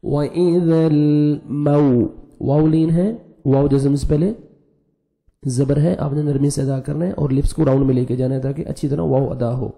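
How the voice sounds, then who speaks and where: Gravelly, dark-voiced male Quran teacher. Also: mid-range voice, fairly even intonation. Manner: chants verses slowly and melodically, then explains rules at a quick pace. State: slightly sore throat. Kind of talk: online tajweed lesson, reciting verses and explaining pronunciation.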